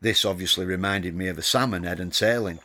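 Low-voiced man telling a wry story. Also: fairly quick, noisy background. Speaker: narrator. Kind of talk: storytelling narration. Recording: music playing under the voice.

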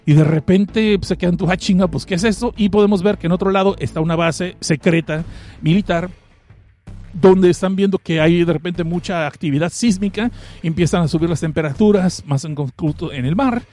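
A man's voice: high voice, normal speed, dark tone. A man with a Mexican accent recapping an anime episode as a joke-filled comic narrator, full of crude slang and asides to his viewers. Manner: playful, slangy, crude jokes, talks to audience.

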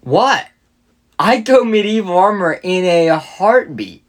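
A man's voice: sits high, expressive, slow pace. A young man co-hosting a podcast, chatting casually and joking with his co-host. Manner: joking, bantering. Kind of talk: casual chat.

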